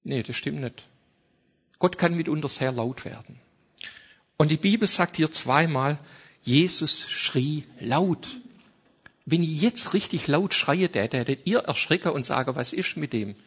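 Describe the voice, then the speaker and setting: A man preaching a sermon to a congregation, reading scripture aloud and speaking directly to his listeners, swinging from soft asides to loud passages. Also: fairly high pitch, expressive, moderate pace, husky. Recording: dull lo-fi sound.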